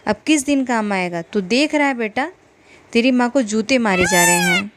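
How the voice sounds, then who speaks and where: Woman voicing fierce sharp-tongued village wife. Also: fairly high pitch, expressive, normal speed, noisy background, close to an everyday voice. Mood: bitter. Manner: scolding, sharp.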